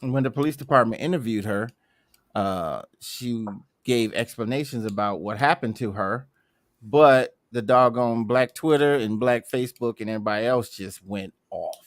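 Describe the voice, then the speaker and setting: A man's voice: mid-range voice, moderate pace, dry recording, studio quality. A man hosting a podcast in casual chat, telling stories with a laid-back, joking manner. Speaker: podcast host.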